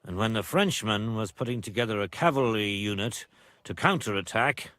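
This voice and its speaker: An actor playing a proud older nobleman and father in a medieval video game, speaking gravely and formally. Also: on the low side, expressive, normal speed, sharp tone, no echo, clean studio sound. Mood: somber. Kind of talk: video game dialogue acting.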